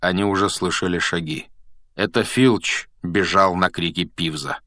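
Casting: male audiobook narrator, low, measured, dry close mic. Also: fairly even intonation, pushed and bright, no echo. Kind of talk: scripted narration.

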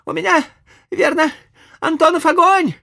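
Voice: extremely high pitch, fairly even intonation, normal speed, gravelly, bright, forceful tone, pitched above the performer's own voice, full character voice. A whiny, melodramatic boy. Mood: pleading. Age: child.

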